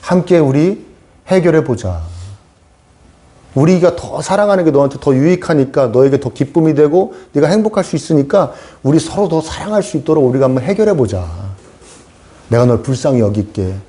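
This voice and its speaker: A man voicing God as a gentle, grieving father who speaks in a soft, pleading, coaxing way. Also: a little high, expressive, normal speed, lightly acted. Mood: tender.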